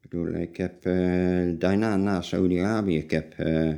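Low-voiced, halting man in his forties. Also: steady tone, vocal fry, warm tone. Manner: halting, blunt, plain-spoken. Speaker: interview guest telling his life story. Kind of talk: personal interview.

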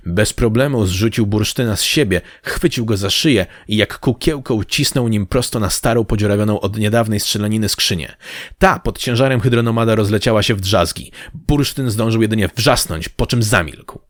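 Low-voiced male audiobook narrator. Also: moderate pace, no echo, clean studio sound.

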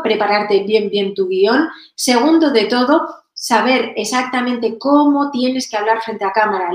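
A woman from giving energetic, direct on-camera advice as a presentation coach. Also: fairly high pitch. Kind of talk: on-camera tutorial. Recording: roomy echoey room.

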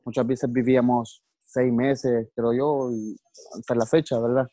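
A martial arts coach from El Salvador tells his story earnestly in an interview, speaking Salvadoran Spanish with a Salvadoran accent. His medium-pitched voice is warm and unhurried but flat in delivery, with no echo. He often restarts his sentences and adds religious asides.

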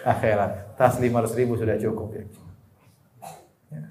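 A man giving an Islamic sermon, rising to emphatic points and then dropping to soft, low asides, sometimes chuckling at his own examples. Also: level tone, moderate pace, a crowd in the background. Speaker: preacher.

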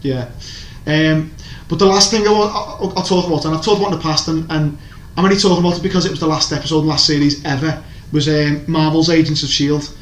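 Fast with few pauses, a man speaks in a fairly high, steady voice. He's a podcast co-host casually reviewing TV series, rambling and opinionated and often starting over mid-thought, recorded in an echoey room with faint background noise.

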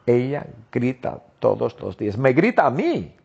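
A man's voice: medium pitch, huge pitch swings, measured pace, vocal fry, darkish tone, breathy edge, heavily acted. A man playing a grumbling police sergeant who complains about his wife, in an exaggerated sing-song way. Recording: dull lo-fi recording.

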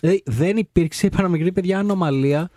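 A man co-hosting a radio talk show in a studio, chatting casually and telling stories in an animated, slangy way. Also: sits high, no room sound. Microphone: studio microphone.

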